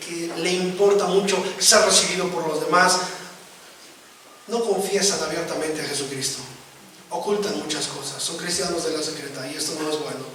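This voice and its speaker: High-voiced preacher in an echoey room. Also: male voice, a bit bright. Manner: preaching with rising emphasis and frequent "¿verdad?" asides. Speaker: pastor. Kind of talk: sermon. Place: church hall. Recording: echoey room, distant mic, noisy.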